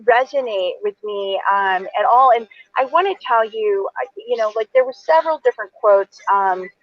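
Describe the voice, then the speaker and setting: On a video call for a virtual author event, a woman in her forties who works as an attorney and is moderating speaks earnestly and a bit ramblingly, with plenty of fillers. Her voice is fairly high and animated, her pace moderate, and the recording's highs are cut off.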